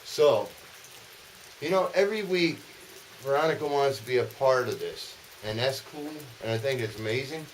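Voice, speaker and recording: A man's voice: mid-range voice, normal speed, poor audio. A man chatting casually for a vlog as host, joking and swearing coarsely, recorded outdoors in the rain. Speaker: vlogger, host. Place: outdoors in the rain, sheltered dry spot. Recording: hissy, steady rain noise outdoors. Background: rain falling.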